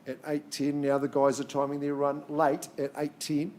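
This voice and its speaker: Male auctioneer, slightly high pitch, live in-room property sale, clipped number calls broken up by chatty asides. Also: completely flat delivery, moderate pace, warm tone.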